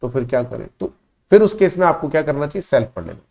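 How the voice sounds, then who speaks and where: A man's voice: medium pitch, sing-song, fast, gravelly, darkish tone. A man teaching a live online class, speaking emphatically and repeating key points as he calls his students beta.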